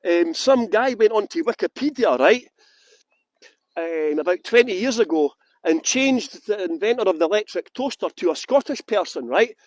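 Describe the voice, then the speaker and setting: Brief: male tour guide from Yorkshire, fairly high voice, chatty and joking, dry close sound, walking outdoors. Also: normal speed, no echo. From England (West Yorkshire). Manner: chatty, joking, lively asides. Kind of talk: live-streamed walking tour talk. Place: outdoors in large public gardens.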